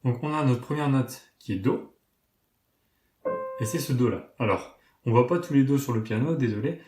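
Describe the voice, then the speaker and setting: A man explains beginner piano, calmly naming notes one by one and counting beats aloud. His voice sits at an ordinary middle pitch. The room carries a clear echo around him. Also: normal speed. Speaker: piano teacher. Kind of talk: step-by-step piano tutorial. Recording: roomy echo.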